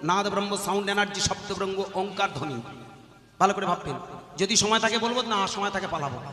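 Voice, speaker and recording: High bright-voiced Bengali kirtan preacher. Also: male voice, a little fast. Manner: rhetorical, questions the audience constantly. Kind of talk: devotional kirtan sermon with call and response. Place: stage before a live audience. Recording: echoey hall with music behind.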